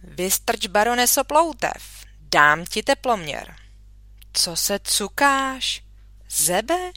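Woman voicing a kindly storybook father, joking and brisk, bright-toned, dry close sound. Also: medium pitch, sing-song, no echo. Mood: teasing. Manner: brisk and teasing, loud. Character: caring father of a sick girl, kind and joking.

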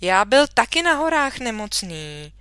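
Woman voicing a kindly storybook father, joking and brisk, bright-toned, dry close sound. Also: on the high side, sing-song, clear, resonant tone, no echo, exaggerated voice. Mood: soothing. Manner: brisk and teasing, loud. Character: caring father of a sick girl, kind and joking.

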